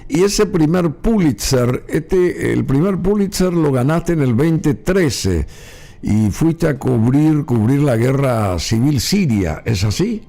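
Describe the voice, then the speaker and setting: Male interview host, low gravelly warm voice, formal and courteous. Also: lively intonation, slow. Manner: frequent murmured backchannels, formal and courteous. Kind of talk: interview hosting. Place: studio.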